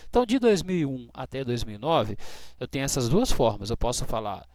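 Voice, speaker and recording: A man teaching English dates, who explains patiently and slows right down to model each English phrase. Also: mid-range voice, big pitch swings, darkish tone, a little hiss or hum. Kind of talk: classroom explanation.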